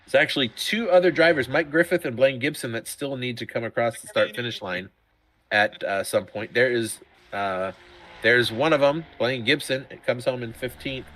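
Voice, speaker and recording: A middle-aged man giving chatty, excitable sim racing commentary, often laughing. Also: medium pitch, normal speed, slight background noise. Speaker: race commentator.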